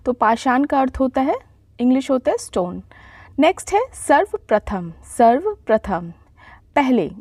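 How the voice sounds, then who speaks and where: A high-voiced woman gives a vocabulary lesson at an unhurried pace, repeating every word and spelling it out letter by letter. The recording is close and dry, with no room sound. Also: darkish tone, dry recording. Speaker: vocabulary teacher. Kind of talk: slow dictation-style vocabulary lesson.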